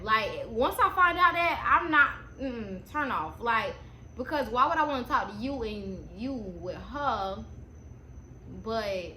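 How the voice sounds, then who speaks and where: A young adult woman chatting casually in a slangy, easily sidetracked stoner manner as she tells a story. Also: a little high. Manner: slangy, informal, animated asides. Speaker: storytime vlogger. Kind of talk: casual storytime chat to camera. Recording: echoey room with faint background noise.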